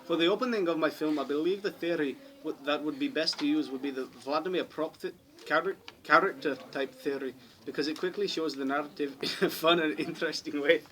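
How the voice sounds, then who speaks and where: A man's voice: a little high, fairly quick, sharp tone. A teenage male student reads prepared answers for a school interview, often stumbling and restarting words. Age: late teens. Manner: stumbling, frequent restarts while reading. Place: busy classroom. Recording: noisy classroom with chatter behind.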